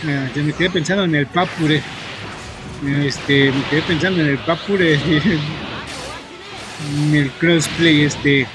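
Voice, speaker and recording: A man from Mexico with a Mexican accent, chatting to viewers while he plays, rambling, filling every pause with "este" and swearing at the game in bursts. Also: a little high, fairly even intonation, background noise. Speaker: gaming streamer. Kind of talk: casual gameplay commentary to viewers. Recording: loud game music under the voice. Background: game music.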